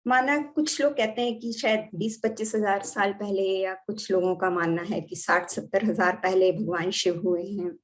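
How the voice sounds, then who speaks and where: A woman with an Indian accent, a doctor and yoga therapy teacher, lectures on yoga and medicine while switching freely between Hindi and English. Her mid-range voice is steady and moves at a normal speed with hardly any pauses.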